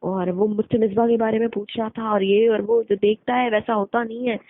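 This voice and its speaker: Speaking at a moderate pace with fairly even intonation and a fairly high pitch, a young woman on a narrow, dry phone call casually retells school-days gossip. She's blunt and colloquial, quoting others along the way.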